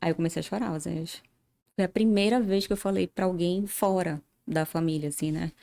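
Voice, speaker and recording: A woman's voice: on the low side, fairly even intonation, brisk, gravelly, mellow. A woman giving earnest personal testimony as a podcast guest, often acting out remembered dialogue.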